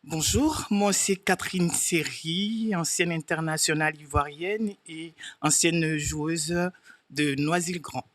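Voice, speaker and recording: A woman's voice: sits low, slow pace, no echo. A woman who is a former international handball player, speaking as a guest in a direct, brief way. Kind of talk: guest in a discussion.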